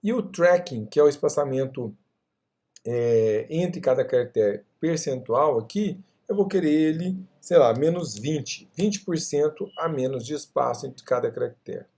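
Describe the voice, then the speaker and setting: A man with a Brazilian Portuguese accent teaching design software in a screen-recorded tutorial, talking through each menu step by step and checking in with the viewer as he goes. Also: medium pitch, lively intonation, unhurried, creaky. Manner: explanatory, frequent "tá?" checks, walks through menus step by step.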